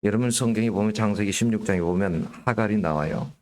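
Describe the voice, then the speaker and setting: A pastor preaching a Sunday sermon in a church, retelling Bible stories in a conversational way, asking the congregation questions and calling out to them again and again. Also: male voice, fairly low pitch, quick pace, a little mellow. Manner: keeps addressing the congregation directly. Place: church sanctuary during Sunday worship.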